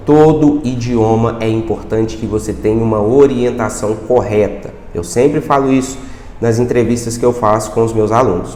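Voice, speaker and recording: A Brazilian man with a Brazilian Portuguese accent, a language teacher giving a casual video lesson, speaking straight to the viewer and often asking quick rhetorical questions. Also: medium pitch, a little mellow. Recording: echoey room with long reverb.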